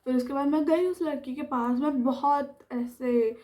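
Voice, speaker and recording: High-voiced young woman telling a story. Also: measured pace. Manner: chatty, animated retelling that acts out the quoted lines. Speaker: storytime vlogger. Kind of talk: casual storytime narration.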